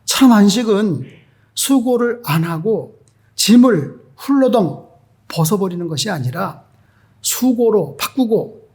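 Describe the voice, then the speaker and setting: High-voiced, husky male pastor preaching. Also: lively intonation, slow, a little mellow. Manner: emphatic, asks the congregation rhetorical questions. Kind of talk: sermon.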